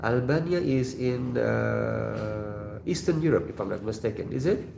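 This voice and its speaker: Man from Indonesia, livestream host, slow and easygoing, gravelly voice, roomy sound. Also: medium pitch, lively intonation, noisy background. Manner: laid-back, laughs often, mock announcer bits. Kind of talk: casual livestream chat reading comments.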